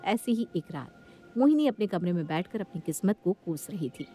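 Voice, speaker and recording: A woman's voice: fairly low pitch, normal speed, a little hiss or hum. Woman narrating a moral story. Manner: steady storytelling.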